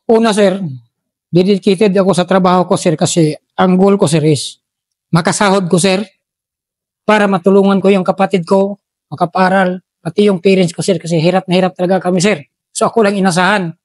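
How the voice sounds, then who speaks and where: A middle-aged man, a former special forces soldier telling war stories in an interview, deferential and halting, saying "sir" after nearly every phrase. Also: high-pitched, steady tone, no room sound. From Philippines. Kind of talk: casual interview storytelling.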